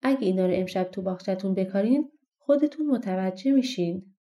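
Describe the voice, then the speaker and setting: A woman voicing a stooped little dwarf stranger in a storybook, speaking slowly and coaxingly. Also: medium pitch, mellow, close to an everyday voice. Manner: slow, coaxing, persuasive.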